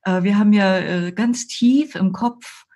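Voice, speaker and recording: Older female yoga teacher, husky, measured guest explainer. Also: mid-range voice, warm tone. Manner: slow, measured explaining with frequent hesitations. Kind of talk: explanatory interview talk.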